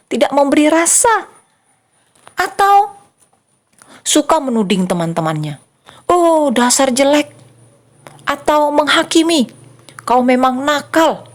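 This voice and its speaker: A young woman giving a lively children's church sermon, addressing the kids directly and acting out small voices and exclamations. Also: mid-range voice. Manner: animated, acts out little voices and exclamations for kids.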